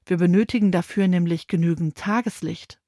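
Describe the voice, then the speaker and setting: A woman's voice: on the low side, a little fast, warm tone, dry recording, studio quality. A woman voicing a proud, chatty hen who explains things in a matter-of-fact way, in a children's audio story. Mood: explaining.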